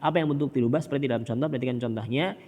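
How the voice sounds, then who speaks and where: A man teaching an Arabic grammar lesson. He reads example sentences slowly and carefully, then explains them in quick, offhand asides. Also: mid-range voice, darkish tone, long reverb tail, slight background noise. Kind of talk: recorded classroom lesson.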